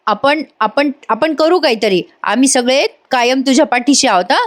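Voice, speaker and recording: A woman's voice: high-pitched, moderate pace, voice pushed up, natural voice. A woman voicing a fussy, doting elderly father-in-law who scolds his son and coaxes his daughter-in-law. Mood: consoling. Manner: fussy, scolding then coaxing.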